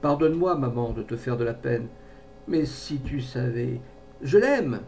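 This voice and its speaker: A man's voice: expressive, a little slow, vocal fry, darkish tone. Man doing a pleading tearful young son. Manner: pleading, murmured. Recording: distant mic with faint rumble.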